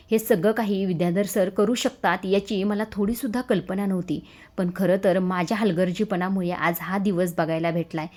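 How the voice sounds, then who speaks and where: A woman voicing an earnest young woman in a retold TV serial, speaking gently and pleadingly. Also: mid-range voice, natural voice.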